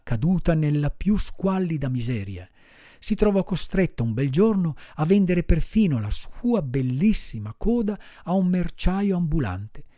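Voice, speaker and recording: Male audiobook narrator, animated delivery, mellow tone, dry close sound. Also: a little high, dry recording. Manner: expressive, storytelling. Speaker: audiobook reader. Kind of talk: storybook narration.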